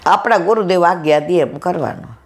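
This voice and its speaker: A woman's voice: fairly low pitch, lively intonation, moderate pace. A woman giving a devotional satsang talk, retelling a conversation and fondly calling listeners "my dear". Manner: affectionate, storytelling, addresses listeners as "my dear". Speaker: satsang speaker.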